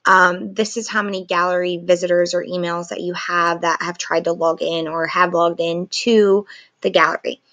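A woman in her thirties with a sore throat gives a chatty, informal software walkthrough as a photographer. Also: lowish voice, level tone, normal speed. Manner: chatty, loose phrasing with many likes. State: sore throat, painful to talk. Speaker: photographer presenting a software tutorial. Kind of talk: casual walkthrough and review to camera. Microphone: screen recording with webcam.

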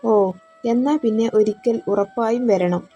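A woman's voice: fairly high pitch, unhurried, dark tone, muffled recording, soft background music, lightly acted. A woman voicing a spirited, loyal young woman who speaks firmly and scolds. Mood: cheerful. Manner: firm, scolding.

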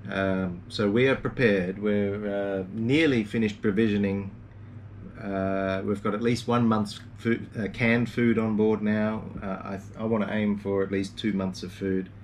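A man's voice: on the low side, steady tone, measured pace, far from the mic, slight background noise. A man in his forties giving a casual, rambling video update with lots of ums and uhs, recorded from a boat cabin on a camera mic. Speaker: sailing vlogger. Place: small boat cabin, indoors.

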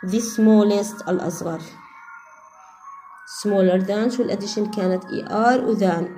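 Woman, Levantine Arabic accent, mellow voice, home English lesson, slow drilling repetition, faint music behind. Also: medium pitch. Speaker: English teacher and mother.

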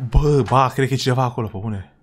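Excitable young man reacting to horror. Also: mid-range voice, breathy edge. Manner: excitable, slangy, yells in panic at jump scares. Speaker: reaction video host. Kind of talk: casual reaction commentary.

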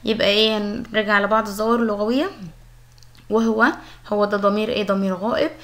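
A woman's voice: medium pitch, steady tone, quick pace, fairly bright tone. A young Egyptian woman teaching a primary school lesson, patiently explaining and asking questions that she answers herself. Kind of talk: recorded Arabic lesson for young pupils.

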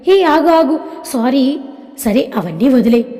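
An earnest young college man who courts with soft sincerity and a gentle tease, as a woman narrator puts him on. The voice sits fairly high and mellow rather than bright. It rings with a long hall reverb. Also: expressive, measured pace.

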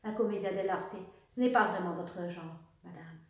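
A woman doing a calm, low-voiced officer. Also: natural voice. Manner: low, measured and restrained. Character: Norwegian officer, a man, tall, calm and controlled. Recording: echoey room, voice far from the mic.

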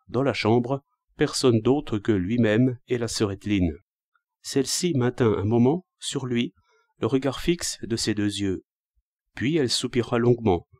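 A man's voice: medium pitch, dark tone, no room sound, studio quality. Man reading a classic novel aloud. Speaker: audiobook reader. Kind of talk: scripted literary narration.

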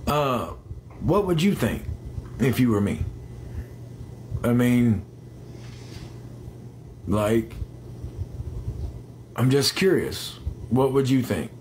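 A 38-year-old man chats casually with viewers on a phone livestream from a small room, holding the phone close. His medium-pitched, darkish voice is very animated, with drawn-out words and frequent pauses, and he hesitates and repeats himself while addressing the audience directly. There is slight background noise.

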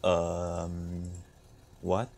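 A man's voice: low-pitched, completely flat delivery, drawn-out words, vocal fry, a little mellow. A young man from Romania streaming a game, chatting casually with viewers in a laid-back, joking way with frequent laughs. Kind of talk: casual gameplay chat with viewers.

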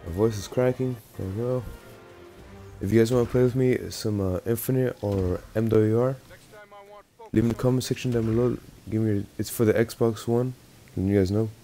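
A man's voice: lowish voice, steady tone, moderate pace, warm tone, soft background music. A young man casually talking over his online shooter gameplay, rambling and laughing often as he plays. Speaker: gaming YouTuber.

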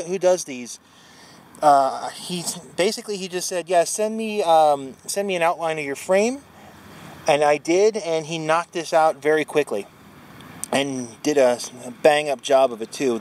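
A slightly high-voiced man in his forties rambles through a casual one-take gear walkthrough, full of fillers and restarts. He's outdoors at a trailhead parking area, talking into a handheld camera held at arm's length, with faint traffic noise behind him. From Wisconsin, USA. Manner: rambling, many fillers and self-corrections. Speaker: bike touring vlogger. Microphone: handheld action camera at arm's length.

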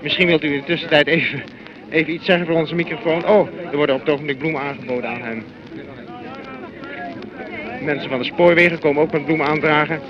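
On a dull 1940s recording, a male radio reporter improvises live commentary outdoors among a crowd whose noise fills the background. His voice is slightly high and fairly even, delivered quickly with frequent pauses and repeated phrases.

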